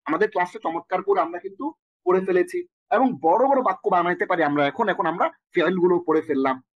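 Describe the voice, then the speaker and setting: A young Bangladeshi man with a high voice teaches an Arabic lesson in Bengali, rattling off verb forms in rhythmic runs. The recording is dry and close, with no room around him. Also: very animated, dry recording, highs cut off. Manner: rapid rhythmic recitation of conjugations with Bengali glosses. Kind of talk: online language lesson, drilling verb forms.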